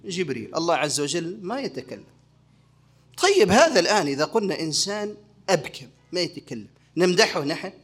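High-voiced sheikh lecturing with rhetorical questions. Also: male voice, big pitch swings, a little fast, husky. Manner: asks the audience rhetorical questions and answers them himself. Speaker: sheikh teaching a creed lesson. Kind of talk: religious lecture.

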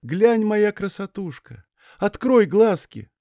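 A man voicing a grieving young peasant mother who pleads in a hushed, tender voice, in a dry recording. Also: sits high, big pitch swings, slow pace, dry recording, pitched above the performer's own voice, heavily acted.

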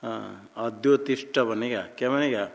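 A man's voice: mid-range voice, moderate pace, gravelly, a crowd in the background. A man teaching Sanskrit grammar in a classroom, quizzing students and prompting them to answer. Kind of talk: classroom drill lesson. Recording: long reverb in a hall.

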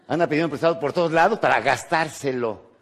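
A Mexican man giving a motivational lecture, animated and rhetorical, tagging his points with quick questions to the audience. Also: a little high. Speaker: motivational speaker.

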